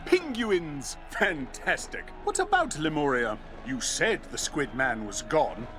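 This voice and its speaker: A man's voice: on the high side, very animated, slow, music in the background. A man playing a boastful old-fashioned explorer hero in a video game, pompous, theatrical and given to exclaiming. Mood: eager, boastful. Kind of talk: video game character acting.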